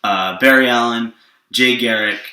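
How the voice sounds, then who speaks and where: A storyteller presents his own superhero story, rambling through a casual, improvised explanation and often checking that his listener is following. His medium-pitched voice is bright and forceful, his pace unhurried, and he sounds distant from the mic with a roomy echo.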